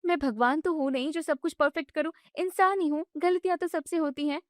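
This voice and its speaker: A woman voicing a young newlywed daughter-in-law who argues back in a high, exasperated voice. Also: steady tone, a little fast, no room sound, studio quality, lightly acted. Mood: indignant. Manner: high, protesting complaints.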